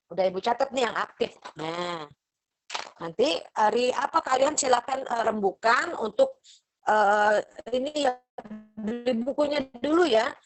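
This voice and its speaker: A woman's voice: fairly high pitch, rough recording. A middle-aged woman lecturing a university class over a video call, chatty and motherly. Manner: motherly, chatty, acts out parents' lines.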